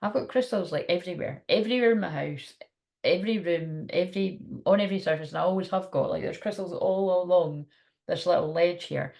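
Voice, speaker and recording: A woman talks casually and informally, wandering from thought to thought. Her voice is on the low side for a woman, with a clearly creaky, gravelly edge. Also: a little fast, a little mellow. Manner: rambling, informal. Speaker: spiritual teacher. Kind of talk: casual chat to camera.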